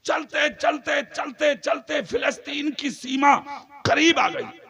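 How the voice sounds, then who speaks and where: High-pitched, gravelly, fervent male preacher. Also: level tone, takes it slowly. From Moradabad, India. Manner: fervent, shouting on key lines, joking with listeners. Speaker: Islamic preacher. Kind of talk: religious sermon at a night gathering.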